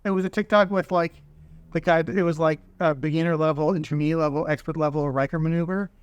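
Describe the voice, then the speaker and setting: Excitable higher-voiced male co-host. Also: fast talker, clean tone, dry recording, highs cut off. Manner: excitable, rambling with many restarts. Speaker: podcast co-host. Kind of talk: casual chat.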